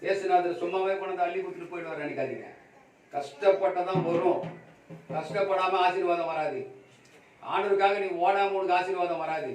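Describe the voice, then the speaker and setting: A male pastor giving a Sunday sermon with emphatic, repetitive exhortation, swinging between loud raised calls and quiet low passages. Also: a little fast. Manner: emphatic preaching with repeated phrases. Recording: echoey room, from far off, faint background noise.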